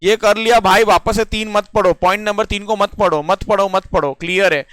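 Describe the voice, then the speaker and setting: Bright-voiced male tutor, talking dry and close. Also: sits high, fairly even intonation, fairly quick, no room sound, soft background music. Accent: Indian English mixed into Hindi. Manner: explains step by step, often checking if students follow. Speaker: teacher. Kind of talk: classroom lecture on reasoning puzzles.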